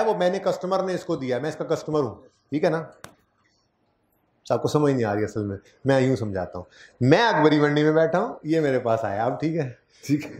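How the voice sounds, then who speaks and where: A man's voice: a little high, darkish tone. A man giving a classroom lecture on accounting, explaining step by step and checking in often with his students. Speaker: accounting teacher. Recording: echoey classroom.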